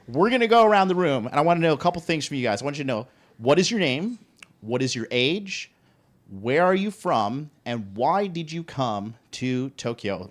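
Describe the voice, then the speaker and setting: A man hosting a live dating talk show, upbeat and hyping up his panel. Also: mid-range voice. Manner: upbeat, hype-building. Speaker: host. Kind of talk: energetic podcast hosting.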